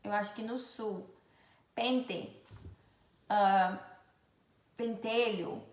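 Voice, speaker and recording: A woman's voice: a little high, reverberant. A woman from Brazil with a Brazilian accent, teaching letter sounds in a pronunciation lesson and stretching out each example. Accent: Brazilian Portuguese. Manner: slow, drawn-out demonstration of sounds. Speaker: Portuguese teacher.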